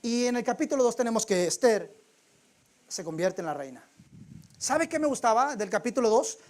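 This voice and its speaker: Joking preacher. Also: male voice, extremely high pitch, very animated, moderate pace, darkish tone. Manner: colloquial, humorous storytelling. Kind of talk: sermon. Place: church.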